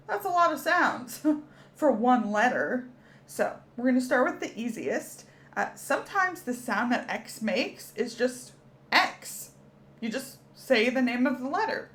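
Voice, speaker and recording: A woman teaching a children's alphabet lesson, cheerful and encouraging as she speaks to young kids. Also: sits high.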